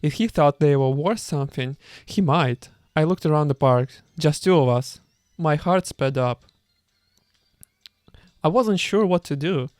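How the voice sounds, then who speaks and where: A man's voice: a little high, a little slow, a little mellow, no echo, studio quality. A man reading a book aloud with commentary, stumbling now and then and breaking off with amused asides. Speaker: reader.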